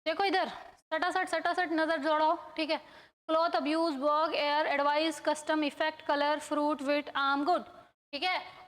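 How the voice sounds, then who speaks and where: A woman with a Hindi accent teaching an English grammar lesson, drilling word lists and quizzing her students in a brisk, coaxing way. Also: sits high, a bit bright, in a large hall. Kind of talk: classroom-style grammar lesson. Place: coaching institute in India.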